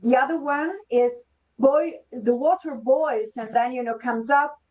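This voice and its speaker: A woman's voice: high-pitched, unhurried, darkish tone, highs cut off. A woman, speaking English as a guest on a podcast, explaining in a hesitant way with restarts. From Italy. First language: Italian. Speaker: podcast guest, leadership consultant. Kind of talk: casual interview chat.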